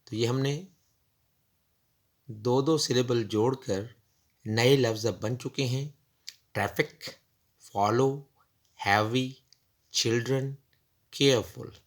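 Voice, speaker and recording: Guy slowly going through an english workbook page, reads the english bits then explains. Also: medium pitch. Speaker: English teacher. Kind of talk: slow textbook lesson explanation.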